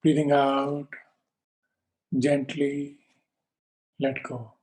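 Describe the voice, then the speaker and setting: Leading a guided meditation, a male yoga teacher uses a steady, medium-pitched voice. His phrases are brief, calm, and measured, with pauses between instructions and hardly any melodic rise or fall.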